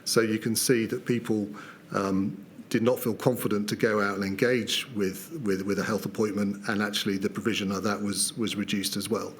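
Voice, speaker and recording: A British man gives formal testimony at a public inquiry, speaking in a lowish, fairly flat voice. He hesitates often and fills his answers with ums and restarts. Faint room noise sits behind him. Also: moderate pace. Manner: hesitant, many fillers and restarts.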